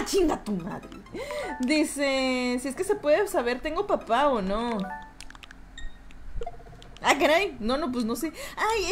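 A young woman with a Mexican accent, streaming a game and chatting with her viewers, rowdy, swearing and laughing often. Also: fairly high pitch. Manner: rowdy, swears and laughs a lot, reads chat aloud. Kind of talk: live gameplay stream chatting with chat.

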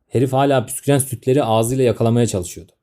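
Brief: 30s male comic narrator, sardonic grumbler, dark low voice, fast. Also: steady tone. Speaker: storyteller.

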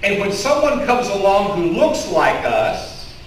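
Here a Kentucky-accented pastor in middle age delivers his sermon in a high, sing-song voice at a measured pace, spinning stories and gesturing with open palms. Filmed from the pews in a sanctuary with a curtain behind him, he is picked up by a stand mic and a headset mic. His voice sounds far off in the echoing room, with a little hiss or hum.

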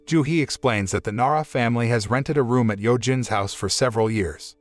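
A man's voice: mid-range voice, a little fast, dry recording. Male recap narrator over music. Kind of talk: scripted recap narration, previously-on summary.

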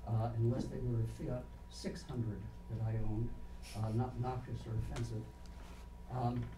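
A soft-spoken man on a zoning board, speaking haltingly with many fillers at a public meeting. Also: mid-range voice. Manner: halting, deliberate, heavy with fillers. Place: town meeting room. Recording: echoey room, distant mic, noisy.

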